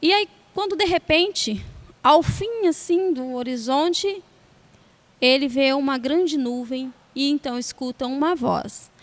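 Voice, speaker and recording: A woman telling a fable aloud in a church, expressive, with dramatic pauses. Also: sits high. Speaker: storyteller. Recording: long church hall reverb.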